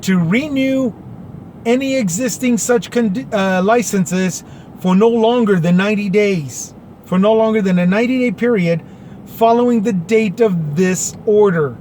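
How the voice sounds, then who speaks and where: Sarcastic high-voiced man commenting. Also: unhurried, a little mellow, slight background noise. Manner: sarcastic, paraphrases in plain terms. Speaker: commentary vlogger. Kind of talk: reading and commenting on a government order.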